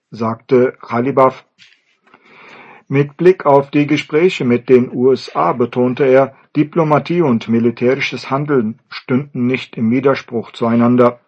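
A man presenting the news in a formal, measured scripted reading, heard as a shortwave radio broadcast. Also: medium pitch, breathy edge. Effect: shortwave radio broadcast sound. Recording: dull lo-fi radio transmission.

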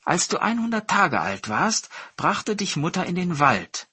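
A man's voice: high-pitched, big pitch swings, measured pace, background noise, voice pushed up. A man voicing a clever, polite young boy in an eager, respectful tone. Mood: earnest.

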